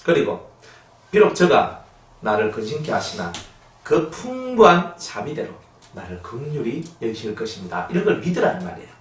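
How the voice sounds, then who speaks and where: Male pastor, Gyeongsang accent, folksy teasing sermon, lively pitch, distant roomy sound. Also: moderate pace. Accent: Gyeongsang Korean. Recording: echoey room, distant mic.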